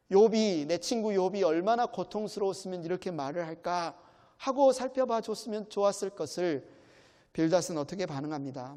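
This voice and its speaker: High voiced pastor guy giving a sermon, earnest, keeps asking the congregation stuff, big church reverb. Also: mellow. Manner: earnest, addresses congregation directly with questions. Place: church sanctuary. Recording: long church hall reverb.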